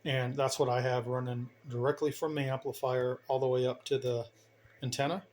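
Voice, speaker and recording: Showing his home radio setup, a man gives an informal, unscripted equipment walkthrough, rambling and thinking aloud with folksy charm. His medium-pitched voice moves little in pitch, sounds a little mellow, and keeps a moderate pace; the home video has noticeable background noise.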